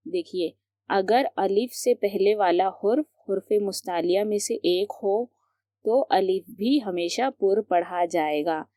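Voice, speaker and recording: A woman's voice: mid-range voice, warm tone, dry recording, clean studio sound. A woman teaching Quran reading to beginners, who patiently repeats each example word and asks her students questions. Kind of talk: step-by-step tajweed lesson.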